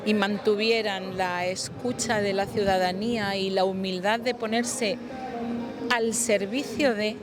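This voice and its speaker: A woman answering a street interview, earnest and measured, sometimes searching for words. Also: mid-range voice, steady tone, music in the background. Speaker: passer-by interviewed. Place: outdoors on a city street. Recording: street noise and traffic.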